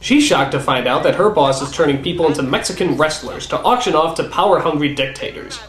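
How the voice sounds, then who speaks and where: A man's voice: a little high, expressive, fairly quick, a bit bright. A man narrating a comedic film review in a sarcastic, exasperated way. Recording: roomy echo with faint music.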